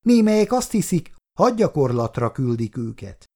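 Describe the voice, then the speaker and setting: A woman's voice: sits low, very animated, dark tone, voice pushed up. A male reader voicing a brave, exhausted young female nurse who speaks up with passion. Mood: indignant. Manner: impassioned, pleading. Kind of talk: audiobook dialogue.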